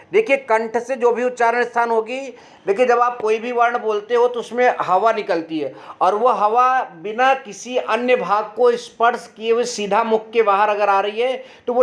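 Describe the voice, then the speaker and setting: Male tutor with a high voice, patient and step by step, asks and answers his own questions. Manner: sounds out letters slowly and clearly. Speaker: teacher. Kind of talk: online grammar lesson.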